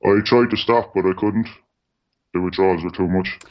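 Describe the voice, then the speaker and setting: The recording is dull and lo-fi, and a distortion filter makes the man's voice deep to hide his identity as an anonymous radio interview guest. He holds a steady tone at a moderate pace, matter-of-fact and plain, often using "like" and "you know."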